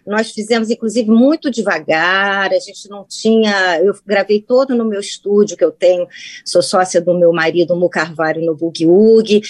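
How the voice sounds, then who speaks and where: A woman's voice: mid-range voice, normal speed, no room sound. A woman from Brazil, a musician guest on a radio interview, talking about her work in a chatty way with plenty of restarts and fillers. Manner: warm, rambling, with many restarts.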